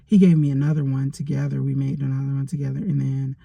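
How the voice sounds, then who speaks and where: Gravelly, dark-voiced woman rambling in her car. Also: very deep voice, little pitch movement, quick pace, no echo. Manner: rambling, chatty storytelling with many fillers. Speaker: vlogger. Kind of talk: casual storytime vlog. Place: parked car in a driveway.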